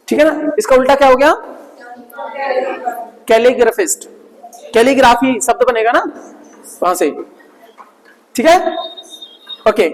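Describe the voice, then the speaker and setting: Recorded poorly in what sounds like a big room, a man with a very high-pitched voice gives a classroom lesson on English vocabulary in Hindi. He has students repeat words as he drills pronunciation, tossing in playful jokes and plenty of tag questions.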